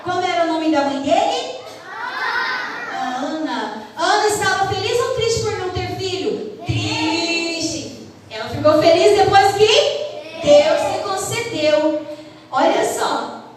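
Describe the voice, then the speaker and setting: A woman's voice: very high voice, takes it slowly, a faint crowd, a little hiss or hum. Woman telling children a Bible story. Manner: asks the children questions, animated storytelling. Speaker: children's ministry teacher. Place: church hall. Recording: echoey church hall, far from mic.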